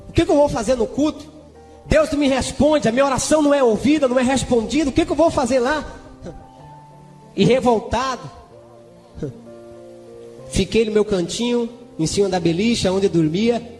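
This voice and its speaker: Man, very high voice, fervent sermon storytelling, shouted exclamations, long church-hall echo. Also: brisk, pauses often. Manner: breaks into tongues between sentences. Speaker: preacher giving a testimony. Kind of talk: sermon testimony. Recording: echoey church hall with music behind.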